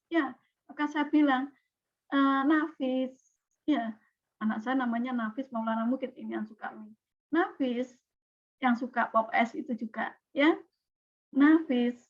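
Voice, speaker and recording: A woman teaches a class in a lively way, checking in with her students as she goes. Her voice sits high. The recording sounds dull and lo-fi. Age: 40s. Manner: lively, questioning students often. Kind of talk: classroom lecture.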